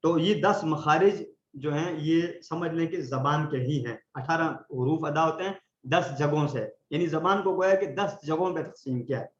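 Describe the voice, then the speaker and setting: A man teaching Quran recitation in an online class, patiently explaining and slowly demonstrating letter sounds for his students to repeat. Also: fairly high pitch, reverberant, muffled recording.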